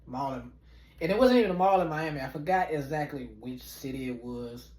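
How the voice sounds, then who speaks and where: A man in his late twenties tells a storytime on a podcast, swearing freely and acting out each person in the story. His pitch swings widely as he builds up the drama. The sound carries a roomy echo. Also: brisk. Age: late 20s. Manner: animated, profane, acts out every character. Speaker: podcast host. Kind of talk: storytime monologue.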